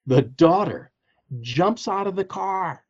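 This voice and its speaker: Animated storytelling man, husky voice. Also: sits high, takes it slowly, dull audio. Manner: animated storyteller, acts out quotes, frequent laughs. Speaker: guest coach. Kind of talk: storytelling in a podcast interview.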